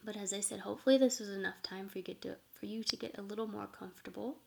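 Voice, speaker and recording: Creaky-voiced woman teaching meditation conversationally. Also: mid-range voice, fairly even intonation, quick pace, a little mellow. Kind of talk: informal spiritual talk and meditation instruction.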